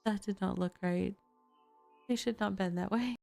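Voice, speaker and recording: A woman's voice: mid-range voice, steady tone, normal speed, creaky, darkish tone, no room sound. A woman streaming a game from home, chatting casually to viewers with frequent laughs and loose fillers. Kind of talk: casual live-stream chat. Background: faint chill background music.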